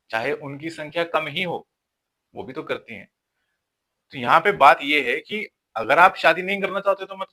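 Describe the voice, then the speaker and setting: Bright-voiced man lecturing on relationships. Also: on the high side. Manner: earnest, lecturing, repeats points with rhetorical questions. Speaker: relationship advice speaker. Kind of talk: lecture-style advice talk.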